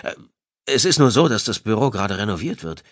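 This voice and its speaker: A man's voice: on the low side, lively intonation, a little fast, no room sound, studio quality, pitched above the performer's own voice. A man voicing a nervous, evasive husband in an audiobook, hesitating and stammering. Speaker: psychologist character. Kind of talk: audiobook dialogue.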